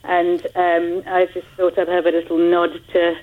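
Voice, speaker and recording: A woman's voice: fairly low pitch, monotone, normal speed, phone-quality sound. A woman author answering radio interview questions in a hesitant way, with many fillers and laughs. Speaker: author guest.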